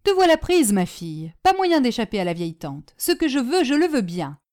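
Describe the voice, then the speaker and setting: A woman voicing a domineering, scornful older aunt who scolds and commands in sharp, mocking tones. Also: on the high side, very animated, brisk. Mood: scornful, triumphant.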